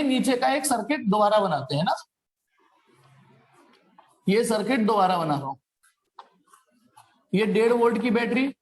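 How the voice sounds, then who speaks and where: A man teaching a physics class, repeating key phrases and coaxing his students, whom he calls "beta". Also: very high-pitched. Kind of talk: classroom lecture at a whiteboard. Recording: echoey classroom with long reverb.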